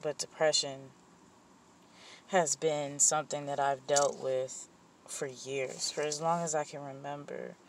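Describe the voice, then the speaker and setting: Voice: medium pitch, flat delivery, measured pace, a little hiss or hum. Candid, rambling vlogger venting. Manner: candid and rambling, with frequent fillers and self-corrections; blunt and profane when heated. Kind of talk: personal vent session, casual monologue.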